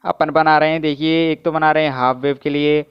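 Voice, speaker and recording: Male physics tutor, clear but monotone, muffled lo-fi recording, energetic quizzing style. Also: fairly high pitch, fairly quick. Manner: keeps asking students to answer and comment; energetic, repetitive teaching. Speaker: physics teacher. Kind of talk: energetic online lecture. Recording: dull, muffled lo-fi audio.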